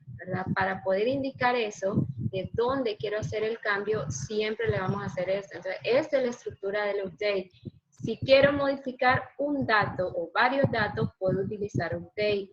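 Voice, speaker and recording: A woman teaching a programming class, patiently asking her students questions as she explains. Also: medium pitch. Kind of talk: online class lesson. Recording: dull lo-fi sound, faint noise.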